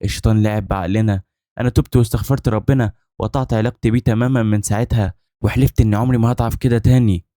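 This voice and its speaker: A man's voice: fairly low pitch, steady tone, fast talker, warm tone, no echo, studio quality, natural voice. A man with an Egyptian accent reading the lines of a remorseful, tearful wife in a told story. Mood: pleading. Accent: Egyptian Arabic. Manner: pleading, tearful.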